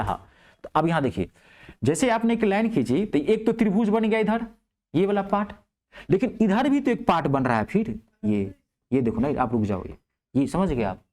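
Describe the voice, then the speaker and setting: A male math teacher. He explains geometry step by step, keeps asking whether things are clear, and drops his voice low to answer his own questions. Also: a little mellow. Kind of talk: lively classroom math lesson.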